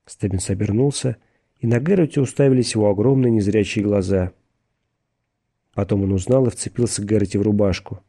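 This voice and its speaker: A man reading a thriller audiobook in a measured, steady narration. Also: on the low side.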